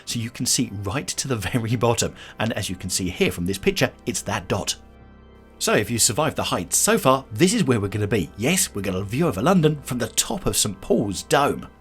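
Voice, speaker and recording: A man's voice: fairly low pitch, husky. A man narrating a travel vlog as a tour guide, chatty and speaking directly to the viewer. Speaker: tour guide and video host.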